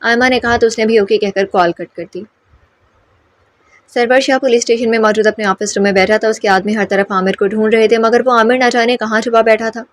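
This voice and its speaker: A woman reading a romance novel aloud as audiobook narrator, in steady storytelling. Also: on the high side.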